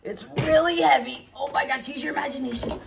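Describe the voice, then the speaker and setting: A woman's voice: high-pitched, brisk, creaky, background noise. A woman hosting a children's music show, leading songs and games in a bubbly, sing-song way with lots of laughing.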